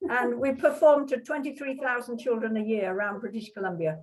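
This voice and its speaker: A woman's voice: a little high, fairly even intonation, fairly quick, a little mellow, rough recording. A woman on a video call, a former artistic director, describes an item enthusiastically with laughing asides. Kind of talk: casual show-and-tell.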